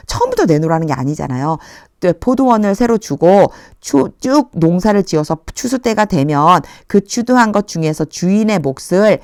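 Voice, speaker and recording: A woman's voice: on the low side, a little mellow, dry recording, studio quality. Woman teaching English Bible reading. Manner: reads English slowly, then explains in Korean; friendly, chatty teaching tone. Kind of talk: Bible verse translation lesson.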